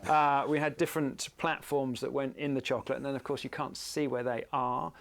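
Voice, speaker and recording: A man's voice: medium pitch, steady tone, a little fast, gravelly. A man speaking on a panel as a camera operator, thoughtful and searching for his words. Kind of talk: panel discussion answer. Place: event in front of an audience.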